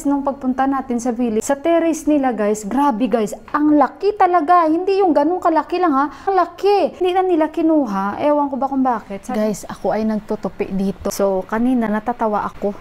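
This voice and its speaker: Young woman from the Philippines, home-kitchen vlogger, high voice, lively storyteller, faint hum of room behind. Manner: animated storytelling, laughs at her own anecdotes. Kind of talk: casual chatty vlog.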